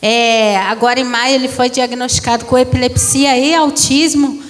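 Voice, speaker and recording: Woman pastor, thirties, high voice, heartfelt testimony, long hall reverb. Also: fairly even intonation, moderate pace. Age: 30s. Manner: emotional storytelling, addresses congregation. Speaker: preacher. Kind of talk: testimony sermon. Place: church hall.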